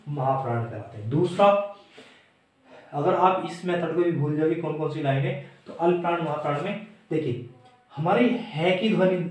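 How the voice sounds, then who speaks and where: Slow-paced male teacher in an echoey room. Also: fairly high pitch, darkish tone, recorded from a distance. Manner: slow, repetitive, demonstrating sounds aloud. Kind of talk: blackboard grammar lesson.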